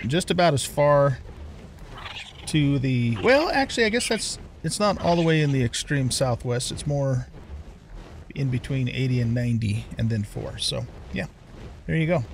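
A man's voice: mid-range voice, expressive, moderate pace, a little hiss or hum. An older man hosting a let's play, chatting casually and thinking aloud with lots of fillers as he plays. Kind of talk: casual gameplay commentary.

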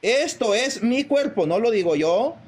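A man with a fairly high voice leads a live online debate over a video call. He reads verses aloud slowly, leaning on each quoted line, then argues his point. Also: lively intonation, noisy background. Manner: slows down and stresses quoted verses, argumentative.

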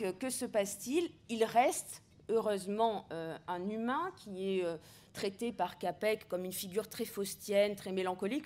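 A woman gives a seminar lecture, thinking aloud as she goes. She often stops on filler sounds and restarts her sentences, in a voice of middling pitch. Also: darkish tone. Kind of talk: academic lecture.

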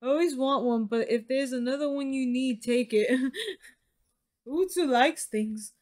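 A woman's voice: high voice, unhurried, darkish tone. A woman co-hosting a casual livestream, reading out chat with a giggly, playful manner. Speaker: livestream co-host.

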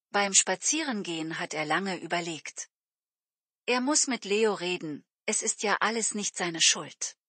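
A woman narrating a beginner story slowly and clearly for language learners, giving the characters light voices. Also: medium pitch, a bit bright, dry recording. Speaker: audiobook narrator. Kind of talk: slow scripted narration for German learners.

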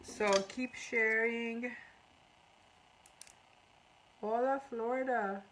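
An Iranian makeup artist in her thirties chats casually during a live makeup tutorial, reading viewer comments aloud as she works in a small indoor room in front of a curtain. Her fairly high voice is slow, fairly even, and fairly bright. The recording is rough, with a little hiss or hum.

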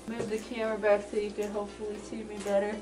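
A woman's voice: mid-range voice, completely flat delivery, darkish tone. A woman vlogging casually from her home kitchen while baking, her voice muffled through a costume head, chatty and narrating each step. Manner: chatty, self-narrating, unhurried.

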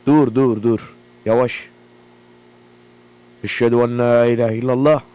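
A young Turkish gaming YouTuber plays a horror game, swearing loudly and jumping at scares over the game's generator hum. His voice is mid-range and smooth, with fairly even intonation and a measured pace.

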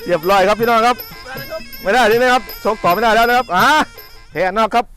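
A man giving excited live boxing commentary, urgent and repeating short exclamatory calls. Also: extremely high pitch, fast, faint music behind.

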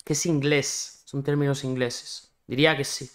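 A man streaming a reaction video, working through rhyme rules out loud and swearing now and then. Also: medium pitch, level tone, moderate pace. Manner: thinks aloud, questions himself, swears. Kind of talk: casual reaction chat.

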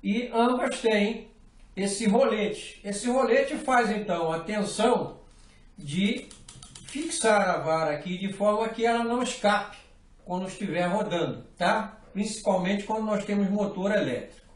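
A high-pitched middle-aged man from Brazil teaches fly rod building at a measured pace in a hands-on tutorial, staying patient and methodical while often checking in with the viewer. He's in a small indoor workshop room with echo, his voice off-mic and distant.

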